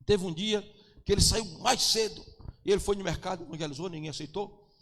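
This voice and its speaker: Man, pastor, sermon, impassioned preaching, gravelly, long hall echo. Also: high voice, a little fast, a little hiss or hum. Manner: impassioned preaching, rising to shouts. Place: church.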